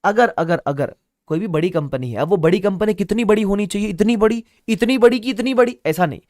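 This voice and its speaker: Speaking a little fast, a man with a high, slightly mellow voice teaches an online exam-prep class. He reinforces key points through repetition and tosses in playful remarks throughout the lively lecture. It's studio quality, with no room sound.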